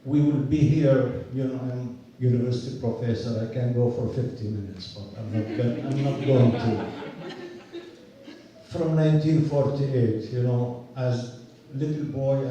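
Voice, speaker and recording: An older man from Palestine, a university professor, giving an earnest, measured rally speech outdoors. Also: mid-range voice, steady tone, warm tone, heavy reverb, recorded from a distance, highs cut off, a little hiss or hum. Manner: earnest, measured storytelling with restarts.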